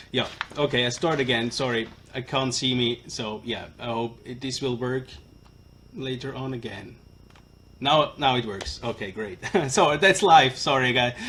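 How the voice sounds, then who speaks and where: A man with a broad Swiss German accent giving an informal live product presentation, speaking in a halting, hesitant way. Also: medium pitch, fairly bright tone. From Switzerland. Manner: halting and hesitant, apologetic non-native English speaker. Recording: live stream with clear background noise.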